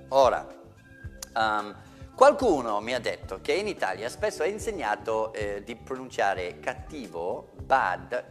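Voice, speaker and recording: Playful English teacher man, lively. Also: medium pitch, in a large hall. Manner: playful, repeats words with exaggerated pronunciation. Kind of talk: comic language lesson.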